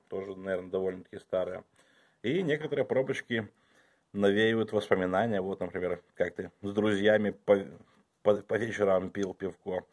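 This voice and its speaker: Speaking in a lowish voice, a man goes through his collection at home, unboxing and reviewing pieces casually. His talk is thinking out loud, dipping into quiet mutters as he handles the items.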